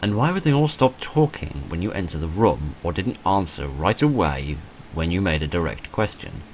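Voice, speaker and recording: In this let's play, a man with a low, sing-song voice reads a visual novel aloud at a moderate pace, adding dry, self-deprecating asides off-script. The audio is poor, with slight background noise.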